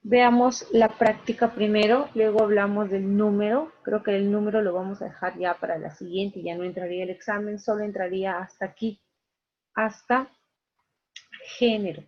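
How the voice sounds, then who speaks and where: A woman's voice: mid-range voice, steady tone, moderate pace. A woman teacher giving a class, explaining patiently step by step and checking in with her students often. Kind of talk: online class lecture. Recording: dull lo-fi recording.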